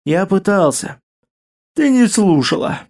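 A man's voice: sits high, lively intonation, moderate pace, darkish tone, voice pushed up. A man reading an audiobook, voicing a retired mercenary major, an older husband who grumbles and deflects dryly. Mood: grumbling. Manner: grumbling, dry.

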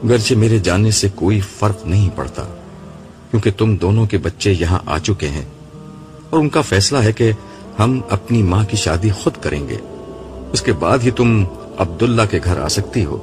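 A man's voice: on the low side, lively intonation, lightly acted. A man voicing a mischievous male jinn companion who speaks in a teasing, mock-innocent way, with music behind.

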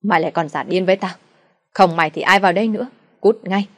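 A woman voicing a drunken, abusive middle-aged father who shouts insults at his family. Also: lowish voice, close to an everyday voice. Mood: raging. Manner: shouting insults, fast and loud.

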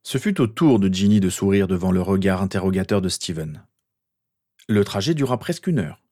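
Brief: male narrator, very low voice, steady storytelling read. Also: fairly quick, dry recording, clean studio sound. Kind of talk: audiobook fan fiction reading.

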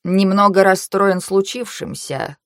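A woman voicing an older male clan mentor who speaks slowly and hesitantly, weighing each word, in an audiobook. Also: deep voice, gravelly, dry recording, studio quality, pitched below the performer's own voice. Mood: measured. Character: elderly male clan mentor, fussy and measured. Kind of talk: audiobook character voice.

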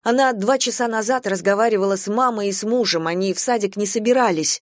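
A woman reading a warm, humorous short story aloud with lively, expressive narration. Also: medium pitch, fast talker, dry recording, clean studio sound.

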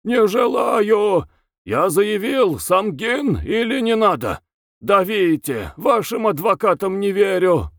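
A man voicing a frantic, beaten male prisoner who wheezes hoarsely and cries out in shrill, hiccupping bursts. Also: animated, a little slow, dry recording, studio quality. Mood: shouting.

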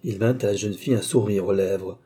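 A middle-aged man reading an audiobook as narrator, in a measured, steady way. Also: on the low side, husky. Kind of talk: scripted narration.

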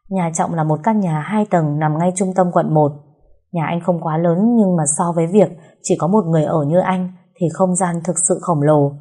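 A woman narrating a story in a steady, even reading voice. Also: on the low side. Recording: roomy echo.

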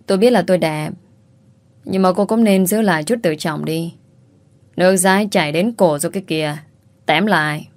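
A woman's voice: lowish voice, moderate pace, long pauses, lightly acted. A woman voicing a crude, curt young man who mocks and teases. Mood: teasing. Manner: curt, mocking.

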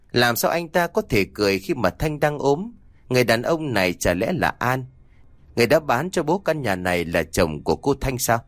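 A man telling a ghost story in the first person, measured and steady. His pitch rises and falls in animated waves. The recording is dry and close, with no room sound. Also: no room sound.

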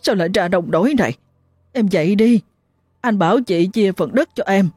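A woman's voice: medium pitch, normal speed, a little mellow, husky, no room sound, studio quality, soft background music, lightly acted. A woman voicing a grieving man who wails over his dead younger brother. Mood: grief. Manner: wailing, distorted voice. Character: grieving older brother, wailing.

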